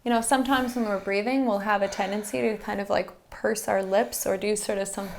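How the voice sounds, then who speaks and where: A woman instructor softly guiding a breathing exercise in a soothing, encouraging manner, with background noise in the recording. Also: medium pitch, fairly even intonation, a little fast. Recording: faint-to-clear background noise and ambience.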